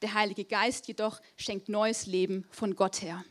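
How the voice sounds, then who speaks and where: A woman's voice: mid-range voice, level tone, measured pace. A young woman preaching a sermon in casual, earnest speech, emphatic and direct.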